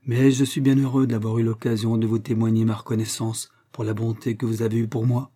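A man's voice: medium pitch, little pitch movement, brisk, warm tone, lightly acted. A man voicing a grieving, grateful male shark-man sea creature in a storybook reading, with earnest, dignified speech.

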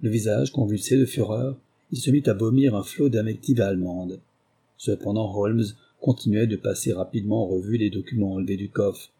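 A man narrating a storybook in a measured, even way. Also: fairly low pitch, husky.

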